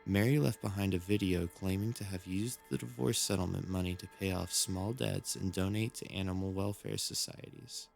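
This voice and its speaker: Low, gravelly man narrating dark mysteries. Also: steady tone, normal speed, few pauses. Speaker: narrator of a creepy mystery series. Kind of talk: scripted true-crime horror narration. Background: background music.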